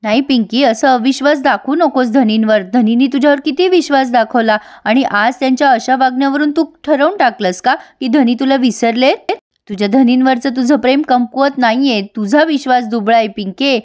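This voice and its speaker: A woman's voice: high-pitched, normal speed, a little mellow, lightly acted. A woman voicing a devoted young wife talking herself out of her doubts, in a storytelling recap. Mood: earnest. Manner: emotional, self-reassuring. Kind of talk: storytelling recap with acted dialogue.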